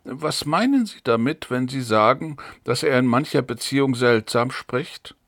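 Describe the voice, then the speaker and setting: Calm, guarded policeman, read by a man. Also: mid-range voice, dry recording, clean studio sound. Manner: calm, measured. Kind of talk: audiobook dialogue reading.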